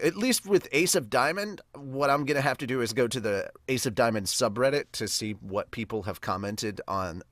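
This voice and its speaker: Here a man with a fairly low voice reacts live as a podcast host, offering a loose, enthusiastic, fan-style review that wanders as he talks. There's no room sound at all.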